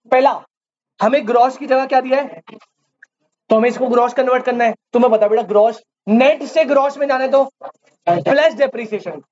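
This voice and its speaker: A darkish, very high male voice leads a live commerce class. The teacher keeps quizzing his students and repeating key terms back to them. Faintly hissy, dull lo-fi recording.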